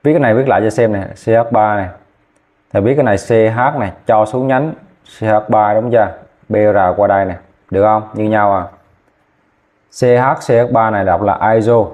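A man teaching chemistry, dictating formulas slowly and repeating names, often checking whether students follow. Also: lowish voice, darkish tone. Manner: slow, repetitive, checking in with "ok chưa?". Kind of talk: classroom lesson, dictating formulas.

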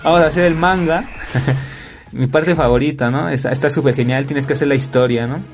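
A man's voice: fairly high pitch, brisk, soft background music. A young man with a Mexican Spanish accent doing casual, joking gameplay commentary, padded with fillers and tag questions. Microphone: laptop recording.

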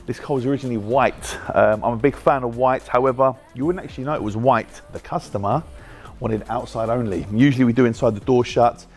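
Talking fairly quickly in a mid-range voice, a thirty-something British man hosts a lighthearted walkaround of his car wrap workshop, a large, bright indoor space, stopping to chat with staff. He has a British English accent, and soft music plays in the background.

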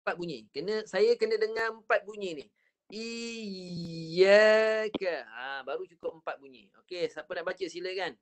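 Heard through an online video call, this high-voiced man teaches Quran recitation in a Malaysian Malay accent. He slowly models every sound and repeats it with patience.

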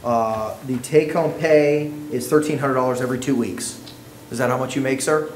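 Judge on an echoey courtroom recording. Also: male voice, medium pitch. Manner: measured, procedural, reads case numbers. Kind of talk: formal court proceedings. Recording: echoey courtroom audio, faint noise.

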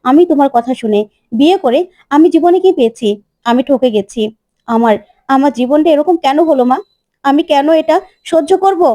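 Woman doing a distraught young man, pleading, emotional, high voice, mellow tone. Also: moderate pace, long pauses, dry recording, close to an everyday voice. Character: troubled grown son, distraught.

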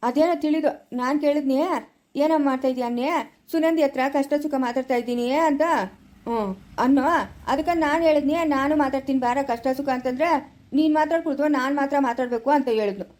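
A woman's voice: high-pitched, steady tone, fast, darkish tone, close to an everyday voice. A woman playing a gossipy young village woman with a rural Chikkaballapur accent, chatty and teasing in a comedy skit. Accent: Chikkaballapur rural Kannada.

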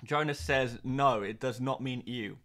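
Hosting a livestream, this young man reads viewer comments aloud and chats in a loose, joking, meandering way, often restarting and laughing. His voice is mid-range and fairly bright, and he takes his time.

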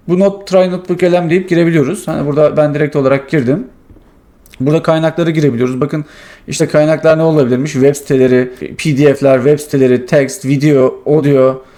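A man hosting his tech channel, casually walking through a software demo and thinking aloud with many fillers. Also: fairly high pitch.

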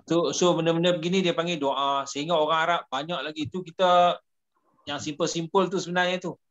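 A man with a Malaysian Malay accent teaching Arabic phrases in a casual lesson, explaining patiently and repeating phrases slowly. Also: a little high, fairly even intonation, a bit bright, dull audio, a little hiss or hum. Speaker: religious teacher.

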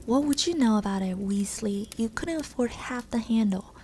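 A spiteful, snobbish schoolboy who snaps and sneers, played by a woman. It is a whispered role-play from a storybook, soft and mellow. It comes through a touch louder than the reading around it. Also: mid-range voice, fairly even intonation, normal speed, a little hiss or hum, natural voice. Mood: sneering. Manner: sneering, snappish.

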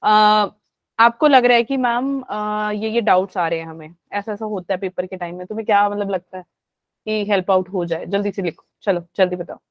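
A woman's voice: mid-range voice, fairly even intonation, moderate pace, dry recording. A woman teacher leading a live online class, chatty and coaxing, mixing English into her talk. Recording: dull lo-fi online audio.

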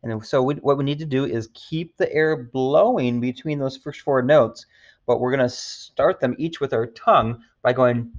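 A man teaching a beginner trombone lesson, patient and encouraging, counting out loud with his students. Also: mid-range voice, moderate pace, highs cut off. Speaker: music teacher.

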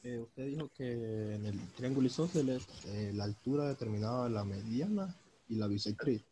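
A man's voice: medium pitch, expressive, moderate pace, dark tone, slight background noise. A male student asking the lecturer polite questions from across the classroom.

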